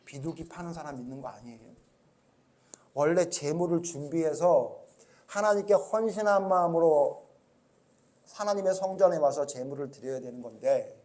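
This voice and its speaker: A male pastor preaching a sermon who keeps asking the congregation questions and swings between soft, low asides and loud, emphatic outbursts.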